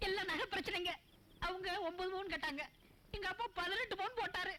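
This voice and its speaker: A shrill bumbling husband in drag. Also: male voice, brisk, pushed and bright, a little hiss or hum. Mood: falsely weepy. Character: bumbling village husband disguised as a woman. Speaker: comic lead. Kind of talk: Tamil film comedy acting.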